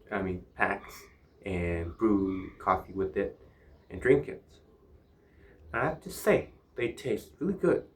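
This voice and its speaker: A man from Myanmar speaks in a somewhat low-pitched voice. He talks casually, as in a solo vlog, musing and pausing as he searches for words. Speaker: vlogger.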